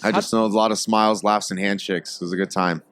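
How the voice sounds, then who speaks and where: A man's voice: on the low side, fairly even intonation, fast, a bit bright, no echo. A man, guest on a casual podcast, telling stories in an easygoing, joking way. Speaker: guest, tobacco company executive.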